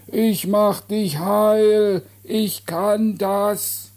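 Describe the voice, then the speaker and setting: A man voicing a simple, excitable grown man who claims to be God, in short broken sentences with a booming bass voice. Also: very slow, breathy edge, heavily acted. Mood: calling out.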